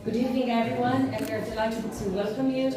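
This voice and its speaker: Woman, festival host, opening speech, eager with fillers, big hall echo, loud crowd behind. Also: on the high side, level tone, fast talker. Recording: echoey hall, voice from far off, crowd noise.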